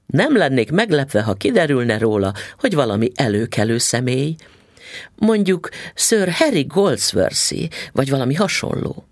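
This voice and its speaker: A man's voice: mid-range voice, very animated, no room sound. A man voicing a stern, snappish mother. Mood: admiring. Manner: curt, snapping, indignant. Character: stern, suspicious middle-aged mother, snappish. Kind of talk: audiobook reading.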